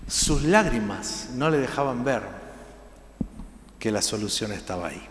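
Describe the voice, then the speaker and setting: A man preaching a sermon in Rioplatense Spanish, swinging between loud emphasis and hushed lines. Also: medium pitch, animated, a little slow, reverberant, long reverb tail, slight background noise. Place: church.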